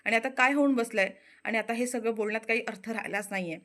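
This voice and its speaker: A woman's voice: on the high side, fast, a bit bright, close to an everyday voice. A woman voicing a regretful man who reproaches someone and blames himself.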